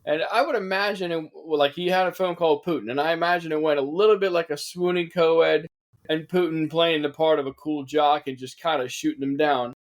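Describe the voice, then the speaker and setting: A man's voice: fairly high pitch, fairly even intonation, a little fast. A man co-hosting a casual satirical news podcast, sarcastic and laughing often. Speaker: podcast co-host.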